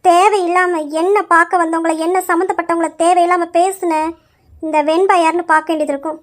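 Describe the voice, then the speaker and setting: A woman's voice: very high voice, flat delivery, a little fast. A woman voicing a proud, protective young woman of the house, speaking sternly and firmly. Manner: stern, commanding. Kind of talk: amateur Tamil story drama.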